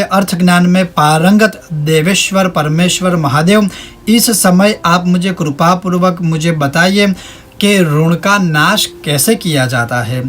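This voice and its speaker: A man teaching a devotional ritual, explaining its meaning and reciting Sanskrit verses in a slow, measured chant. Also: high voice, fairly bright tone. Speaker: religious teacher.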